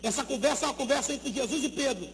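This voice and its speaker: Pastor with a Brazilian accent, very high-pitched, preaching emphatically into a handheld mic in a gymnasium with long reverb. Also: male voice, racing, gravelly, a little hiss or hum. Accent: Brazilian Portuguese. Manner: emphatic preaching, repeats numbers, urges listeners to shout. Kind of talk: sermon at a youth event. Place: large gymnasium. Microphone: handheld microphone.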